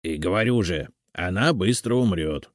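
Audiobook: man doing a stern house spirit, slow, firm, dry read. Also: low-pitched, no room sound. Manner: calm, confident, slow and firm.

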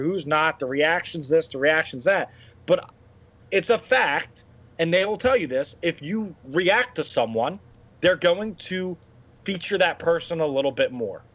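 A man in his thirties talks in a loose, opinionated podcast chat, rambling and blunt. His voice sits a bit high. The audio sounds muffled and lo-fi. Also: a bit bright. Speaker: podcast co-host. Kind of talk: casual wrestling podcast chat. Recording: dull lo-fi audio.

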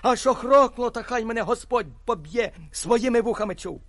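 A man voicing a garrulous 56-year-old hunter who tells a tale with lively exclamations. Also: extremely high pitch, a little fast, no room sound. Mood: excited. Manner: lively storytelling, animated exclamations.

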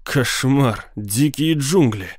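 A man voicing a shaken male newspaper reporter who speaks grimly and slowly. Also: medium pitch, lively intonation, dry recording, studio quality. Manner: grim, measured.

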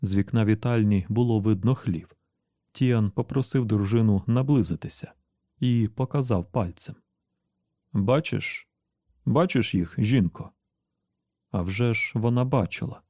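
A man narrating an audiobook in a steady, measured reading voice. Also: lowish voice, dry recording, clean studio sound.

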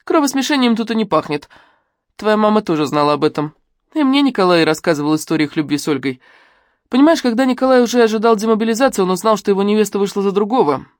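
A woman's voice: mid-range voice, lively intonation, fast talker, no room sound, clean studio sound, pitched above the performer's own voice, lightly acted. A woman reading an audiobook and voicing a cold, mocking middle-aged widow who speaks curtly. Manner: cool, curt, mocking. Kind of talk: audiobook dialogue.

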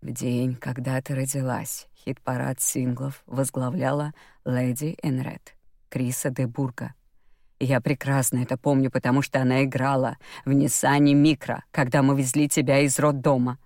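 A woman reading as a stubborn, irritable old father in an audiobook, speaking in curt, grumbling lines. The voice sits very low and dry, close to the microphone with no room sound. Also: little pitch movement, fairly quick, few pauses, darkish tone, no echo. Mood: restrained.

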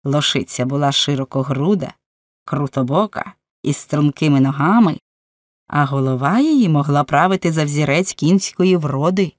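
Low-voiced woman reading an audiobook. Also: normal speed, no echo, studio quality. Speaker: audiobook reader. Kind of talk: scripted narration.

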